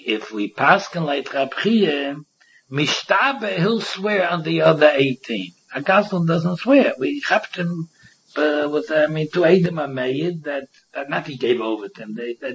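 A very husky, creaky-voiced man with a Yiddish-inflected accent teaches a Talmud class. He reads a phrase and then explains it in a sing-song way, repeating himself and posing questions. The recording is dull and muffled. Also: mid-range voice, fairly bright tone. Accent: Yiddish-inflected English. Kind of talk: informal Talmud lesson, reading and explaining.

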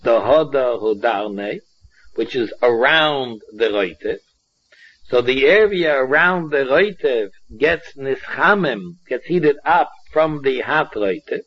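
A man with a Yiddish accent teaching a religious text line by line, halting and repeating phrases as he explains. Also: medium pitch, lively intonation. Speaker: Talmud teacher. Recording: dull, muffled lo-fi recording.

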